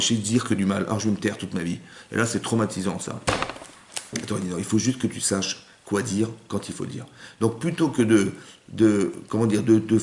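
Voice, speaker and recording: Male rabbi, home lesson, rapid and emphatic, mid pitch, echoey room. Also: darkish tone. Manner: emphatic, rhetorical, addresses listener directly. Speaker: rabbi giving a Torah class.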